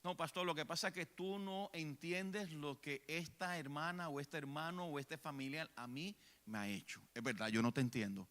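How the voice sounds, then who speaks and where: A man with a Puerto Rican accent preaching a church sermon, swinging between hushed lines and shouted ones. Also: fairly high pitch, normal speed. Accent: Puerto Rican Spanish. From Puerto Rico. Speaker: evangelist preacher. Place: church sanctuary.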